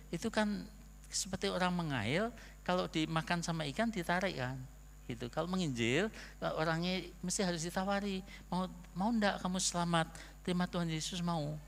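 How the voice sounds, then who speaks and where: A man's voice: on the high side, gravelly. An older man with a Javanese accent, a pastor telling a story in a chatty, rambling sermon that keeps trailing off on fillers. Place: church hall. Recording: long church hall reverb.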